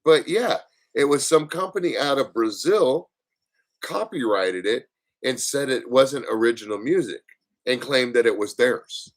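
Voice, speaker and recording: A man's voice: mid-range voice, animated, measured pace. Rambling man chatting on a livestream. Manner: rambling, chatty, playful with viewers. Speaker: livestream host. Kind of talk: casual livestream chat.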